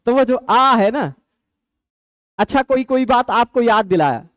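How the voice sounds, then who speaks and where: A male Sanskrit grammar teacher, his pitch sitting high and swinging widely as he explains. He builds his points patiently, asks questions and answers them, and checks that his students follow. The recording is dry and close. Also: animated, a little slow, fairly bright tone, no room sound. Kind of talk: explanatory lecture.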